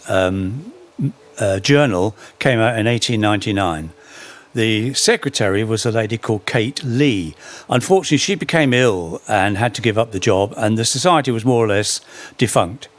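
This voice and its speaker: A man tells history as a string of anecdotes, dropping wry little jokes along the way. His pitch swings widely and expressively around a mid-range voice. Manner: anecdotal, with wry humorous asides. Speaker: speaker on folk song history. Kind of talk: storytelling talk.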